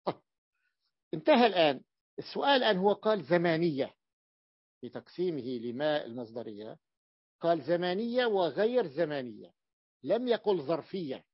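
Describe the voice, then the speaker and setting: Halting male Arabic grammar teacher. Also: on the high side, big pitch swings, slightly rough, no room sound. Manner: halting, repeats words while explaining. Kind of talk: classroom grammar lesson. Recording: dull lo-fi dry recording.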